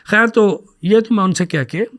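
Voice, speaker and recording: A man on a podcast telling a personal story in a casual, anecdotal way, dropping English words into his speech and acting out the dialogue as he retells it. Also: high voice. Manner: animated, acts out dialogue when retelling.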